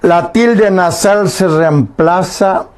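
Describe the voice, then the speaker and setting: A man's voice: sits high, very slow, darkish tone. A man teaching a Guarani language lesson on the radio, patiently explaining and often checking that listeners understand. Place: radio studio.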